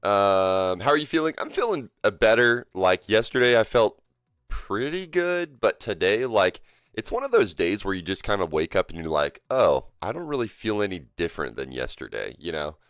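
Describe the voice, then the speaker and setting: A man streams a game while sick with a cough that makes his voice deeper than usual, joking loosely with viewers and greeting chat in a rambling, filler-heavy way. His lowish voice swings widely in pitch at a normal speed, fairly bright, clear and resonant. The recording is dry and studio quality, with faint game music behind him.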